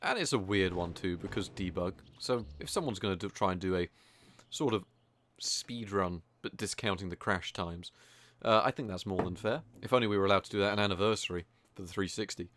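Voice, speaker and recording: Low-voiced male streamer, relaxed self-deprecating game commentary, faint background hiss. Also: a little fast. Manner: casual, rambling, self-deprecating. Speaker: streamer playing a video game. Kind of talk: live gameplay commentary.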